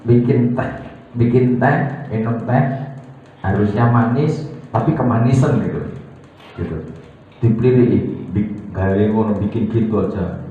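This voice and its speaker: Animated Javanese-accented pastor in echoey church. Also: male voice, medium pitch, measured pace, long pauses, phone-quality sound, slight background noise. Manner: animated, teasing, quizzes the congregation, acts out little scenes. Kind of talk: sermon. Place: church hall.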